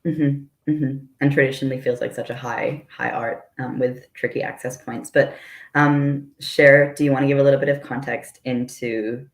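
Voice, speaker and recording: Gravelly young woman host, roomy sound. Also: rumbling low, fairly even intonation, normal speed. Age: young adult. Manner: friendly, affirming, lots of "mm-hmm". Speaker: interview host. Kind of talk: conversational panel interview.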